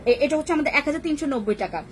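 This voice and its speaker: A young woman with a Bangladeshi accent runs a quick, chatty live-stream sales pitch. Her voice sits high and she keeps repeating points, with English words mixed in. Faint noise hums behind her. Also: animated, poor audio. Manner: talks fast, repeats herself, mixes in English words. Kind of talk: fast casual sales pitch.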